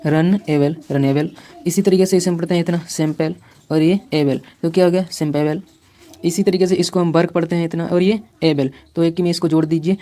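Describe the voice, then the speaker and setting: Patient low-voiced woman teacher. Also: warm tone. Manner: patient, repetitive, slow sounding-out of words. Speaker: English teacher. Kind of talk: spoken phonics lesson.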